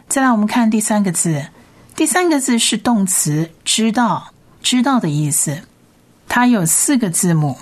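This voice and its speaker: A woman teaching a recorded language lesson in a patient way, repeating each sound slowly and carefully. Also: medium pitch. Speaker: Hebrew teacher.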